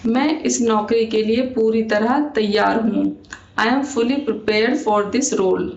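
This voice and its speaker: Slow, gravelly woman teaching English. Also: a little high, steady tone. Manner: repeats each English sentence slowly and deliberately. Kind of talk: spoken English lesson. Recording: echoey room, dull lo-fi sound.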